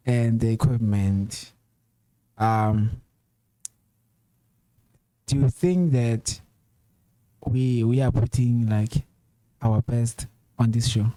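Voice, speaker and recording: A man's voice: medium pitch, dark tone, dry recording. A man hosting a casual chat show, asking questions in an easygoing, conversational way with plenty of fillers. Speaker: host.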